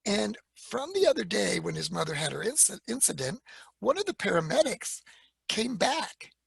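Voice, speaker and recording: Man, storyteller at a library talk: gravelly and husky, lively pitch, drops into quoted voices. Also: moderate pace, no echo. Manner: animated retelling with quoted voices and fillers. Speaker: speaker giving a library talk.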